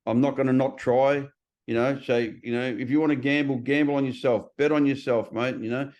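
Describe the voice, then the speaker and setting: In slightly dull lo-fi audio, a man's brisk, steady, somewhat dark medium-pitched voice carries a casual podcast conversation. He's blunt, curses freely, and does impressions of other people as he talks.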